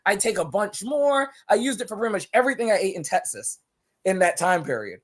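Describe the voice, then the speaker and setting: He's a man from Barbados, a wrestler guesting on a podcast, who tells stories with energy, laughs a lot and repeats himself. The voice is high-pitched and the pace a little fast.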